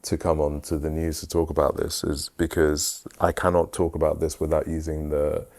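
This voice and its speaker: Male host, very deep voice, emphatic and passionate delivery. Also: level tone, normal speed, darkish tone. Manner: passionate, emphatic, rhetorical "right?". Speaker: host, photographer. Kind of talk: casual conversation.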